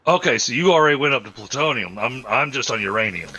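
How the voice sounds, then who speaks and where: A streamer from the Southern United States, speaking with a Southern American accent, hosts a multiplayer game and casually chats, rambling through long, easygoing explanations with lots of fillers. His medium-pitched voice is animated, fast, bright and forceful. It's a dry, low-quality recording.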